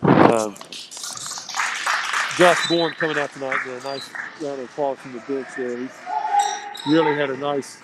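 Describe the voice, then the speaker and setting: Talking a little slowly with long pauses, a mid-range-voiced American man delivers casual commentary on a local basketball game, muffled slightly through a face mask and dropping folksy, coach-like remarks. Gym noise and bouncing balls echo around the indoor school gym.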